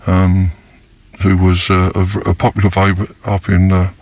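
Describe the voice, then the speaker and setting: An older former undercover police officer whose voice is disguised and pitched down, speaking slowly and haltingly in a recorded news interview. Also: male voice, completely flat delivery, darkish tone, no room sound. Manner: slow, halting, with many fillers. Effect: disguised voice, pitched down deep.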